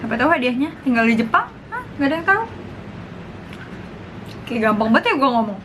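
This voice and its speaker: A woman's voice: sits high, sing-song, fast, fairly bright tone, poor audio. A woman, chatting casually and informally to viewers as she eats, sometimes with her mouth full. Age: 20s. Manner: talks while eating, mouth sometimes full; chatty, informal, slang and English interjections. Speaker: vlogger. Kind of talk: casual mukbang chat to viewers. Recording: clear background noise.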